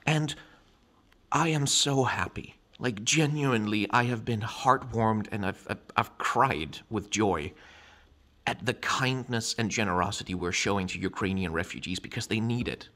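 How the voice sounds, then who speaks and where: A man's voice: lowish voice, moderate pace, a bit bright. A man giving a casual, heated vlog rant, swearing freely and stumbling over repeated words as he goes. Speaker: vlogger. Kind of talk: casual, impassioned rant to camera.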